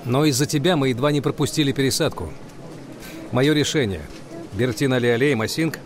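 A man's voice: medium pitch, brisk, close to an everyday voice. An actor playing a middle-aged football coach, stern but fatherly, in film dialogue.

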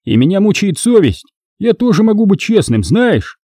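A man putting on a cocky young thief, raised high. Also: big pitch swings, moderate pace, warm tone, dry recording, studio quality. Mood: cheeky. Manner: cheeky, boastful.

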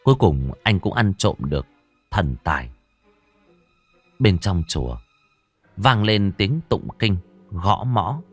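A man with a very deep voice narrates a horror story, swinging his pitch widely for suspense. The sound is dry and close, and faint music plays behind him. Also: animated, slow pace, long pauses, no room sound.

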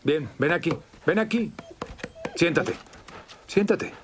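An actor playing a gruff, impatient army sergeant in a Latin American Spanish film dub, giving curt drill-sergeant orders. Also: male voice, medium pitch, lively intonation, normal speed, close to an everyday voice. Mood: stern, impatient. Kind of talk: dubbed film acting. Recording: faint background noise.

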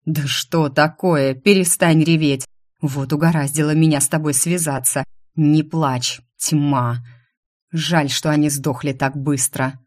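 A woman doing a brooding, slow-growling male demon. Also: sits low, steady tone, darkish tone, dry recording, studio quality. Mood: exasperated. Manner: slow, drawn-out, growling delivery. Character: brooding male demon lover, possessive, fierce. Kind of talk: audiobook character voice.

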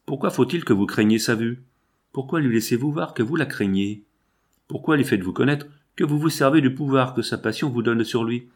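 A man's voice: mid-range voice, a little fast, close to an everyday voice. A man voicing a jealous, anguished nobleman husband who questions his wife with impassioned reproach, in an audiobook reading. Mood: reproachful.

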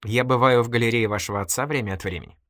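A man's voice: mid-range voice, very fast, fairly bright tone, no echo, studio quality, natural voice. A man voicing a mischievous, giggly young woman in an audiobook, teasing and exclamatory. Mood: playful. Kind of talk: audiobook character voice.

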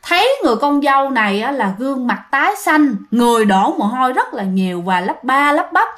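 A woman's voice: high-pitched, lively intonation, brisk, fairly bright tone. A woman narrating a ghost story in a chatty way, speaking directly to her listeners.

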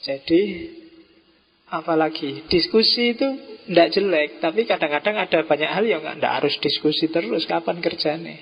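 A man giving an informal philosophy study talk to a gathering, with relaxed joking asides. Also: fairly high pitch, normal speed, gravelly, slightly rough. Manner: relaxed, joking asides, mixes in Javanese words. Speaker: philosophy lecturer. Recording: dull, reverberant hall sound.

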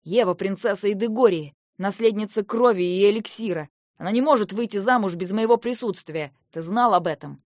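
A woman's voice: medium pitch, brisk, no echo, clean studio sound, natural voice. A woman voicing a guilt-ridden young king. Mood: stern. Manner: loud, raw, self-reproaching.

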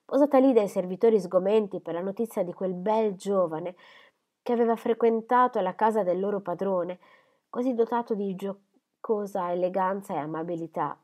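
Casting: female audiobook reader, mid-pitched, measured and expressive narration.

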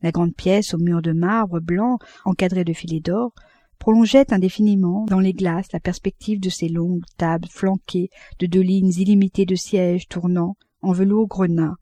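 A woman reading a classic novel aloud as audiobook narration, in a measured, unhurried manner. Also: fairly low pitch, fairly even intonation, mellow, no room sound. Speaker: audiobook reader.

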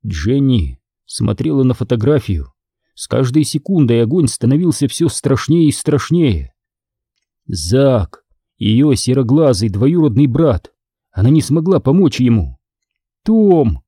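A man reading a novel aloud as a narrator, with an expressive, dramatic delivery. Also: mid-range voice, a little slow, husky, no echo, studio quality. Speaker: audiobook narrator. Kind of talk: scripted narration.

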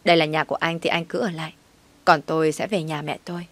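A woman narrating a first-person story in a steady, matter-of-fact way. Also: deep voice, fast.

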